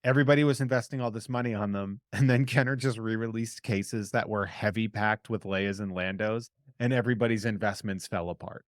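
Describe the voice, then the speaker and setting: A man with a Boston accent chatting casually and explaining in a halting, informal way. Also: lowish voice, steady tone, no room sound, clean studio sound. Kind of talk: casual chat about collectible toys.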